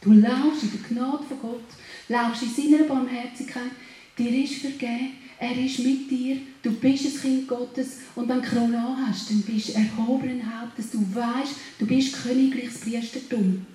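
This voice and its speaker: A woman preaches a sermon, urging her listeners on and building to loud declarations. Her voice sits a little high and sounds mellow. The room around her echoes heavily. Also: steady tone, measured pace. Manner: exhorting, rising to louder declarations.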